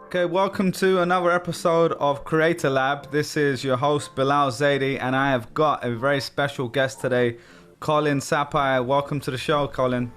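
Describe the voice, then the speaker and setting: A man's voice: on the high side, steady tone, normal speed, a bit bright, faint music behind. A man with an American accent hosting a podcast interview, chatty and friendly, with frequent um and you know. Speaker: podcast host.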